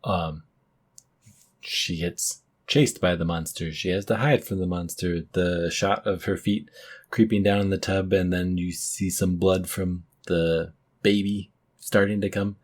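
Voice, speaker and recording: A man with a very low, husky voice co-hosting a casual movie podcast. He talks things through thoughtfully, breaking into loud, emphatic bursts to make his points. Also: fairly even intonation, measured pace. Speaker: podcast co-host.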